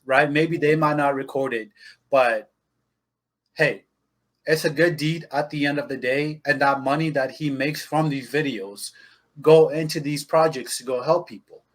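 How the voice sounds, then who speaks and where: A man from Zimbabwe co-hosting a casual podcast, talking emphatically and addressing listeners directly. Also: fairly high pitch. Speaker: podcast co-host.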